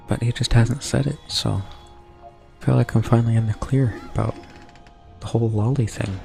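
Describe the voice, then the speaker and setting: This young man, lowish in pitch, plays a game and chats casually to his stream audience in a half-whisper, going for an ASMR style. The delivery stays soft and breathy with audible mouth noises even as his throat grows sore, and quiet game music sits beneath it.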